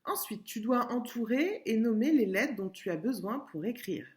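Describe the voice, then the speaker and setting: A woman schoolteacher giving a recorded lesson to young pupils, patient and clear, repeating words and sounding out syllables. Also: on the high side, animated, normal speed, darkish tone. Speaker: primary school teacher. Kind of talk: remote classroom lesson video.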